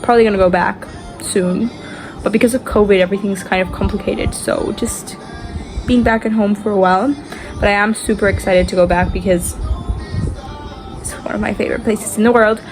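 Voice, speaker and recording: With music in the background and poor audio, a woman vlogs in a casual, weary, meandering way. She is in her twenties, from Argentina, speaks Spanish natively with an Argentine accent, and talks a little fast at medium pitch with fairly even intonation.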